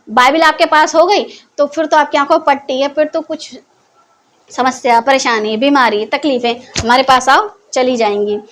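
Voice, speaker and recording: Woman Bible teacher, high voice, conversational, fires off questions and answers them herself, scolding edge. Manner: keeps posing questions to listeners, then answers them. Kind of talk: Hindi Bible teaching talk.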